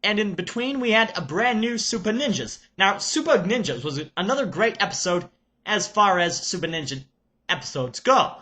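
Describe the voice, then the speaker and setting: Man putting on an excitable Serbian-accented reviewer. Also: high voice. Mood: excited. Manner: loud, exclamatory, halting with ums. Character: excitable male Nickelodeon reviewer character, the Nutcase. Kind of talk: in-character TV review.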